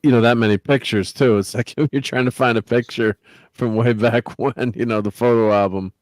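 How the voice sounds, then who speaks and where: A man hosting a casual live-stream chat in a relaxed, filler-heavy way. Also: medium pitch, normal speed, dry recording, clean studio sound. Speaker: host.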